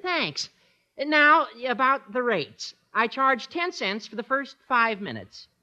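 A man playing an eager, scheming teenage schoolboy in old radio comedy, squeaky and self-important. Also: big pitch swings, slow, bright, forceful tone, lo-fi sound, heavily acted. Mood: businesslike.

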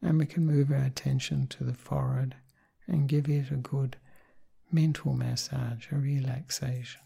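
A man leading a guided meditation in a soft, gentle voice, with unhurried short phrases and pauses between them. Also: medium pitch, steady tone, gravelly, slightly rough. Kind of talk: guided meditation, slow soothing instruction.

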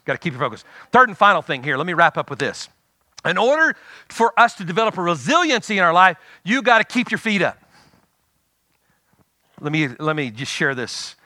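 A middle-aged pastor, preaching a sermon and urging the congregation to answer back. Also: male voice, a little high, bright, forceful tone, no room sound, clean studio sound. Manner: exhorting, call-and-response.

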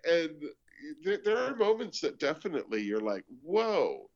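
The recording, dull and lo-fi, features a Canadian comedian and show host speaking at normal speed in a fairly high voice. In a relaxed chat he tells animated stories, voicing the characters he quotes.

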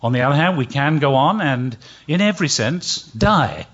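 A man's voice: medium pitch, animated, moderate pace, dull audio, noisy background. An older man telling a comic story live, with a dry, wry delivery and playful put-on voices. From Britain.

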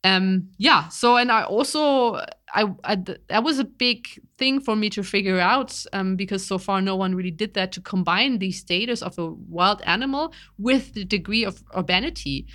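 A woman's voice: mid-range voice, normal speed, few pauses, fairly bright tone. A young woman explaining her wildlife research in casual chat, eager, with many restarts and fillers.

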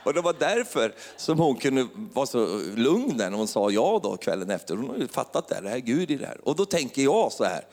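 Chuckling preacher in an echoing hall. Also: male voice, medium pitch, few pauses. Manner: storytelling, chuckling, rising to excited praise. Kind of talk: humorous sermon testimony. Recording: long hall reverb.

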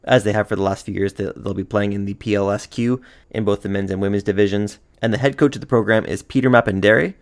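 Chatty podcast host, fairly low voice. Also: male voice, steady tone, quick pace. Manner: chatty, enthusiastic, casual fillers. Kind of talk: podcast intro and interview.

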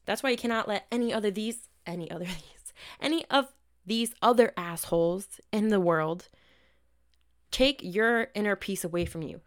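Podcast host, young woman, clear smooth voice, blunt, profane, motivational chat. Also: mid-range voice. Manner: candid, profane, self-help pep talk. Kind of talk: casual advice monologue.

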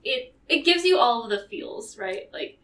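A woman's voice: on the high side, animated, unhurried, fairly bright tone, far from the mic, slight background noise. A young woman co-hosting a casual podcast chat, laughing often and filling her talk with "like". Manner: chatty, laughs often, heavy use of "like". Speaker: podcast co-host. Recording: echoey room, away from mic.

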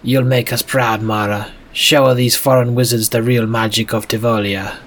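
A man's voice: medium pitch, flat delivery, moderate pace, a bit bright, slight background noise, close to an everyday voice. A man voicing a boisterous young man, blunt and bold in how he speaks. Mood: proud.

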